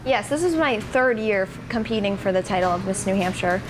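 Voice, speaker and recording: A woman's voice: medium pitch, expressive, a little fast. A young woman giving poised, explanatory pageant answers in an interview. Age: young adult. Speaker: pageant titleholder being interviewed. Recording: noisy room ambience.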